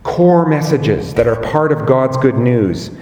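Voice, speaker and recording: A man preaching a sermon as pastor, slow and measured, rising on key words. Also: medium pitch, lively intonation, dark tone, reverberant, big-room sound.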